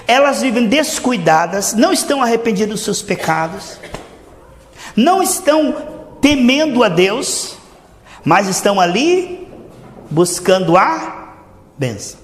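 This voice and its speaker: A high-voiced Brazilian pastor preaches with fervor, pushing some words out loud and dropping others to a low murmur. His voice rings through a church hall with a long, echoing reverb. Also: very animated, unhurried, pauses often. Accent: Brazilian Portuguese. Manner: fervent, swings between loud emphasis and low asides. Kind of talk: sermon.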